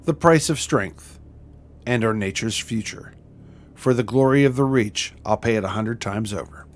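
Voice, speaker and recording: A man's voice: fairly low pitch, moderate pace, lightly acted. A man voicing a captured villainous noblewoman in a video game, haughty and defiant, sputtering grandiose threats. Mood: defiant, fervent.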